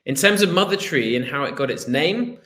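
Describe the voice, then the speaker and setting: A Welsh man in his thirties, a business founder giving an earnest online presentation with a storytelling manner and the odd filler pause. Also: fairly high pitch, lively intonation, bright, forceful tone. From Wales. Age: 30s. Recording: roomy echo.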